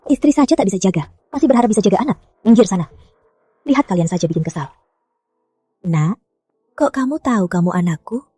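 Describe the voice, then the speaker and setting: A brisk, sharp-tongued rich mother. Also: medium pitch, lively intonation, breathy edge, no echo, soft background music. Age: middle-aged. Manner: brisk and scolding. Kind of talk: dubbed drama acting.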